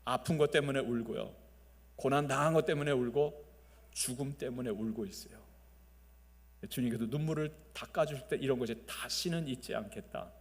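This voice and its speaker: A male pastor preaching a Sunday sermon, swinging between loud emphasis and soft, quiet phrases, and leading the congregation to repeat after him. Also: medium pitch, brisk. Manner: leads the congregation in call-and-response. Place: large church sanctuary. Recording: long reverb of a church sanctuary.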